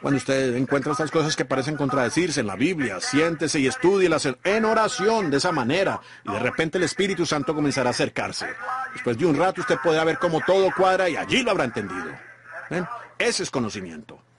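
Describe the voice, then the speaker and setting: A man's voice: a little high, animated, fairly quick, a crowd in the background. A man reading a sermon as a dubbed voice-over, with an emphatic preaching cadence and frequent asides to the listeners. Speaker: Spanish voice-over reader of a sermon.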